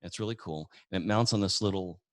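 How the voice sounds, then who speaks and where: A man's voice: deep voice, fast, dry recording. A man giving a casual webinar lesson, chatty and folksy, telling anecdotes with acted-out dialogue. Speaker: webinar presenter.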